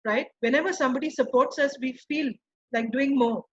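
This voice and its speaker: A woman's voice: high voice, fairly quick, muffled recording. A woman, a child counselor giving an earnest talk to parents and often asking if they follow. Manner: earnest, asks the audience for agreement.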